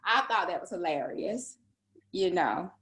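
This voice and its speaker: A woman's voice: fairly low pitch, lively intonation, measured pace, fairly bright tone, echoey room. Chatty woman talking things through on a call. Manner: conversational, thinking aloud with many fillers. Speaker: book club discussion member. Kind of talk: casual discussion on a video call. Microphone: video call.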